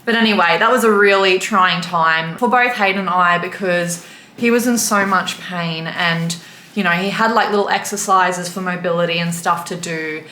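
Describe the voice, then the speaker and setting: A young Australian beauty vlogger talks candidly while doing her makeup in an indoor room with a mirror, sometimes becoming emotional. Her voice is on the low side with a sharp tone and a moderate pace, and the room sounds echoey.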